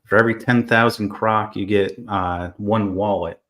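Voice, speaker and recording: A man taking part as a panelist in a casual livestream chat, explaining things in a relaxed way with small fillers. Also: lowish voice, normal speed.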